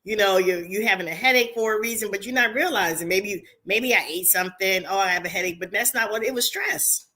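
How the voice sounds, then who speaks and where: A middle-aged woman guest speaks in a bright voice. She gives earnest, step-by-step advice in a measured, conversational manner. Her pitch sits in a mid range. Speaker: guest, speech therapist. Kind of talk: casual interview, giving advice.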